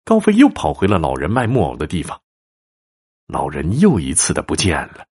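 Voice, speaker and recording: A man narrating a ghost story theatrically, swinging from hushed to alarmed. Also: a bass voice, wildly swooping pitch, normal speed, breathy edge.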